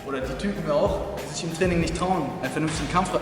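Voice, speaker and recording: A man's voice: a little high, rapid-fire. A man hosting a martial arts video in a dojo, chatting jokingly to the camera with boisterous mock instruction. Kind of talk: joking tutorial chat to camera. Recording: very echoey hall, music behind.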